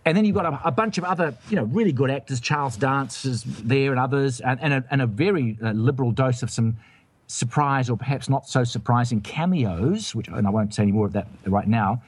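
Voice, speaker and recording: A man's voice: mid-range voice, animated, fairly quick, slightly rough, no room sound. A man hosting a casual film review chat, rambling and hesitant with many restarts. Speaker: film review show host.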